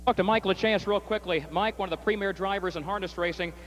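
A high-pitched man calls a harness race outdoors, rattling off horses, owners and positions in a crisp, brisk announcer's delivery. A faint hum of noise sits under the broadcast. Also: poor audio. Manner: rapid crisp calling, rising excitement in stretch. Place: outdoor racetrack.

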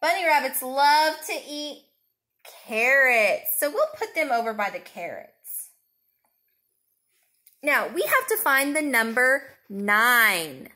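A woman with a bright, high voice speaks as a preschool teacher would to a toddler. Her delivery is slow and sing-song, with simple questions and pauses left for the child to answer. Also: big pitch swings. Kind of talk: children's counting lesson, as if to a toddler.

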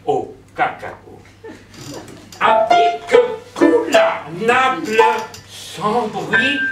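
A man performs a sound poem with a playful, drawn-out, rhythmic delivery. His voice sits high and moves at a very slow pace. He is picked up from across an echoey room at a poetry reading. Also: fairly bright tone, far from the mic. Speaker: poet reading his work. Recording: echoey room from afar, faint music.

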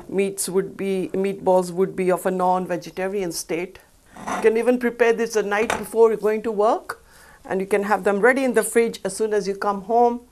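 A woman's voice: medium pitch, a little mellow. A middle-aged woman hosting a cooking show, explaining each step in a chatty, upbeat way as she works in a studio kitchen. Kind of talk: cooking demonstration. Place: studio kitchen set, indoors.

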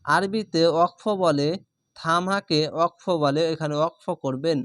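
A man's voice: fairly high pitch, a bit bright, no room sound, clean studio sound. A man teaching Quran reading, patiently spelling out each syllable letter by letter and explaining the rules as he goes. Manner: spells out syllables slowly and methodically.

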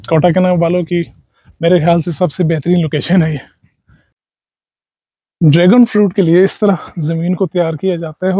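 Man, thirties, husky, slightly high, travel vlog, outdoors farm, lapel mic, dull dry sound. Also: no room sound. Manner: devout, warm greetings and frequent pious phrases. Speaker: travel vlogger. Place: outdoors on a dragon fruit farm. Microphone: lapel mic, selfie stick camera.

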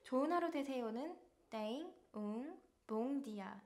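A woman with a slightly high voice gives a friendly travel phrase lesson. She explains each expression and then says it again slowly and clearly so learners can follow along. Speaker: language teacher. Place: in Porto, Portugal.

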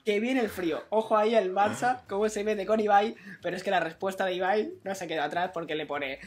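A man from Spain hosting a show, presenting viral videos in a brisk, chatty way. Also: high voice, steady tone. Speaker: host.

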